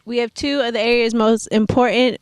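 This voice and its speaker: A woman's voice: fairly high pitch, steady tone, a little fast, clear, resonant tone, no echo. A teenage girl acting as a field reporter in a student news parody, talking in a chatty reporter tone.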